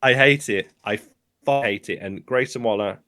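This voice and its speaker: A man's voice: mid-range voice, normal speed. Heated, sweary man ranting. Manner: heated, sweary, animated rant. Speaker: podcast co-host and wrestler. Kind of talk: casual podcast chat.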